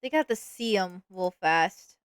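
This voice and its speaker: A woman's voice: lowish voice, lively intonation, unhurried, clear, resonant tone, no echo, clean studio sound. A woman streaming live as a VTuber, chatting casually and playfully while she animates, with sudden dramatic outbursts.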